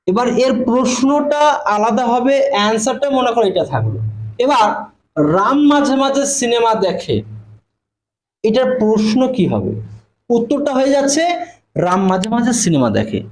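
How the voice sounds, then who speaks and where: A man's voice: extremely high pitch, very animated, moderate pace, pauses often, low-quality recording. A man teaching a spoken English class to students. He explains step by step, spells words out letter by letter and keeps checking in with "okay?".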